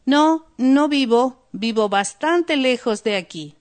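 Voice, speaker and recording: A woman voicing a flustered, agitated male detective in a read-aloud story, often shouting. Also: sits high, expressive, slow, dry recording, voice pushed up. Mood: guarded.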